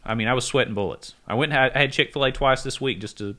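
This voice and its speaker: Bright-voiced sarcastic male podcast host. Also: medium pitch, racing. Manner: dry, sarcastic teasing. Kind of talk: casual chat. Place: studio room with mics, drinking bourbon on ice. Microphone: desk microphone.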